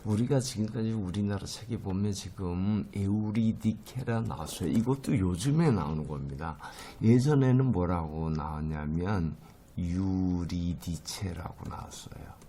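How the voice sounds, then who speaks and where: Slow, low-voiced man teaching a class. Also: warm tone, slight background noise. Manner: slow, hesitant, full of fillers, repeats words for students. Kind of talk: lecture on Greek myth names and pronunciation.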